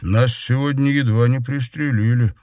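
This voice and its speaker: A man's voice: mid-range voice, steady tone, normal speed, a little mellow, dry recording, far from the mic, pitched above the performer's own voice, natural voice. A man reading aloud and voicing an earnest young man.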